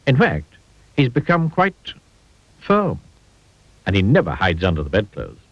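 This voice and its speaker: A man reading a children's storybook aloud in an expressive, playful way. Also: fairly low pitch, measured pace, slightly rough, dry recording. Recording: dull lo-fi audio.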